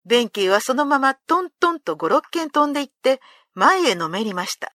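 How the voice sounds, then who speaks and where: A woman reading an old folk tale aloud as storyteller, in a clear, expressive way. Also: high-pitched, normal speed, no echo, studio quality.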